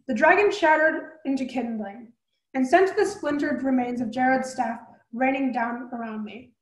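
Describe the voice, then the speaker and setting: A woman reading a fantasy novel aloud as a storyteller, brisk, with small slips and restarts. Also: sits high, roomy sound, poor audio.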